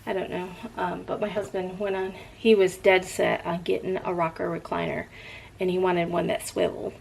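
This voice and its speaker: Gravelly low-voiced woman, rambling casual chat. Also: little pitch movement, normal speed, a little hiss or hum, rough recording. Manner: rambling, often drifting off topic and picking the thread back up. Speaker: vlogger.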